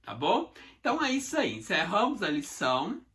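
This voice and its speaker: A man's voice: sits high, huge pitch swings, moderate pace, pushed and bright. A Brazilian man teaching English in a casual video lesson, chatty and repetitive, talking straight to his viewers. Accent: Brazilian Portuguese. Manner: chatty, repeats phrases, addresses viewers directly.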